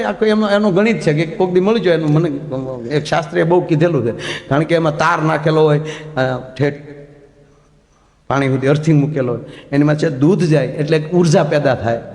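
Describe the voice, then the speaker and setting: A man telling comic folk stories on stage, animated and acting out the people he quotes. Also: fairly high pitch. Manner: animated, acts out quoted characters, laughs along. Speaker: folk comedy storyteller. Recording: echoey hall, long reverb.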